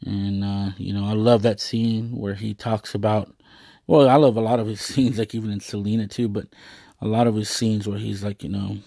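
A man's voice: on the low side, flat delivery, moderate pace, vocal fry, dark tone, dry recording, studio quality. A man giving a rambling, earnest monologue to his viewers, full of hesitations and fillers. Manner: earnest, proud.

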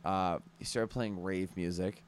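A young man telling a story on a podcast, animated and laughing, swearing often. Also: deep voice, a little slow, a little hiss or hum. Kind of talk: casual storytelling.

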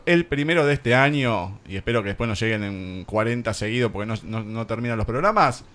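A man's voice: medium pitch, fairly bright tone. A man hosts a radio show in casual, teasing banter. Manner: teasing, joking. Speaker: radio host.

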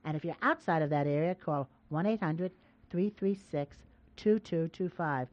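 A woman's voice: low voice, normal speed, a little mellow, dry recording. A woman hosting a radio call-in show, chatting casually and teasing her callers in a coaxing way. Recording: dull lo-fi radio broadcast sound.

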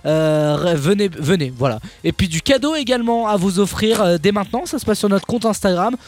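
A man hosting a radio show in lively banter, chatty and teasing, often repeating himself. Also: sits high, a little fast.

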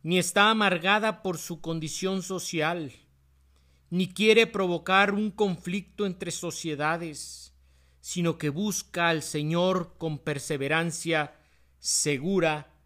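A man preaches a sermon at an unhurried, deliberate pace. His voice sits a little high for a man and rises for emphasis on key phrases. He drops lower and faster to cite chapter and verse. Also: pushed and bright. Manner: cites chapter and verse in a quick aside, voice dropping.

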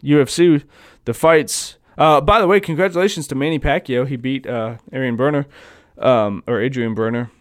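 A man's voice: medium pitch, moderate pace. A man hosting his own podcast, ranting in a casual, profane, rambling monologue. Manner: profane, rambling, mock-stammers people he imitates. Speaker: podcast host. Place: home recording, seated at phone.

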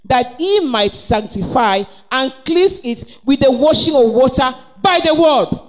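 Nigerian woman preacher, high-pitched, emphatic and exhorting. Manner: emphatic, exhorting, calls of praise. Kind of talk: sermon.

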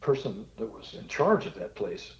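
A man's voice: fairly low pitch, very animated, normal speed, muffled recording. A man telling stories as a podcast guest, chuckling often as he talks. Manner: chuckling, storytelling. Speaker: guest, TV show host. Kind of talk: casual interview chat.

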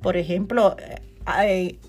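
A woman. She hosts a motivational podcast as a coach and talks in an animated, chatty way, laughing often. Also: on the low side, slow, faint music behind. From Dominican Republic. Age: 40s.

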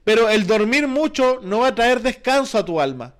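A man's voice: very high-pitched, very animated, normal speed, a bit bright. A man with a Chilean Spanish accent preaching a sermon as pastor, earnest and repetitive, with many rhetorical questions.

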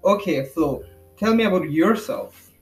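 A man's voice: high voice, expressive, measured pace, soft background music. A man hosting a casual podcast chat, teasing his friends and laughing often. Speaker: podcast host.

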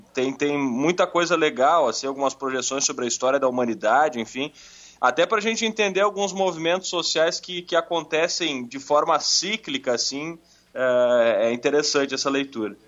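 A man's voice: on the high side, fairly bright tone, dull audio. A man chatting casually and hesitantly as a talk show guest. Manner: hesitant, searching for words. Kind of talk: casual conversational recommendation.

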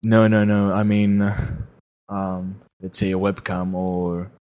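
A man's voice: sits low, little pitch movement, takes it slowly, a little mellow. A young man from Greece with a Greek accent, chatting casually on a podcast and often repeating words as he starts. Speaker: podcast co-host. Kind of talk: casual chat.

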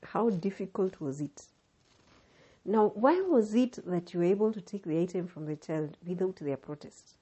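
A woman with a Kenyan accent hosting a podcast, delivering scripted narration with deliberate, emphatic phrasing. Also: on the low side, lively intonation, mellow, husky. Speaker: podcast host.

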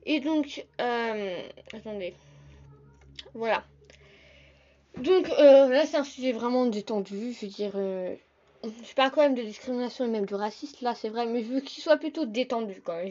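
A young woman hosting a casual solo podcast, talking fast and chatty, often calling her listeners "the guys". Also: fairly high pitch, warm tone, lo-fi sound. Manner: fast, chatty, addresses listeners as "les gars". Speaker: podcast host.

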